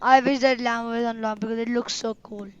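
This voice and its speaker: A woman streaming a game and chatting excitedly to her viewers as she plays. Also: a little high, a little fast, dull audio. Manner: excitable, talks to viewers as "guys" and "boys". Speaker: gaming streamer. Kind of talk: casual gameplay commentary. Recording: loud game noise behind the voice. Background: loud car and engine game sounds.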